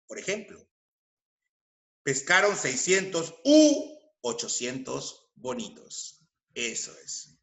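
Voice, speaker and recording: A man teaching a recorded grammar lesson, speaking slowly and deliberately, repeating each example with emphasis and asking his students rhetorical questions. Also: mid-range voice, bright, forceful tone, echoey room. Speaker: language teacher.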